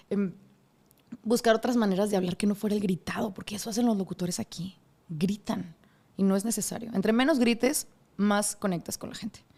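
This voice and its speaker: A woman, a radio host telling her story as a guest in a casual interview and acting out other people's voices. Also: medium pitch. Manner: animated, acts out quoted voices.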